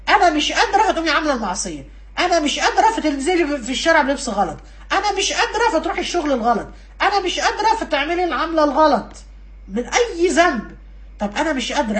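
A woman with an Egyptian accent delivering a religious lesson at a brisk clip. Her voice sits a little high, and she slips into imagined inner voices as she talks. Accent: Egyptian Arabic. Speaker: religious preacher.

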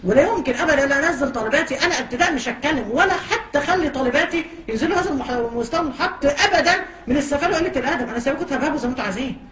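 Egyptian woman, religious teacher, sarcastic and fiery, very rapid delivery, high voice, echoey room heard from a distance. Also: animated, fairly bright tone. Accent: Egyptian Arabic. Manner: fiery, sarcastic, rapid-fire rhetorical questions. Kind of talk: impassioned religious talk.

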